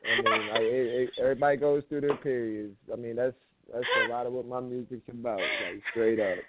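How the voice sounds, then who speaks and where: A young man with a raspy voice, a guest musician in a casual interview, laid-back, often restarting his words. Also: medium pitch, steady tone, brisk, heavy background noise. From United States. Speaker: guest hip-hop artist. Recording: tinny phone line.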